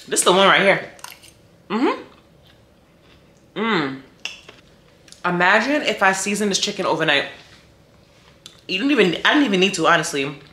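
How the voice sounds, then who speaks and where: A woman's voice: fairly low pitch, pushed and bright, echoey room. A young woman chatting casually on her food vlog, tasting a dish and talking to viewers while she eats. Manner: chatty, tastes and reacts while eating. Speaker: vlogger.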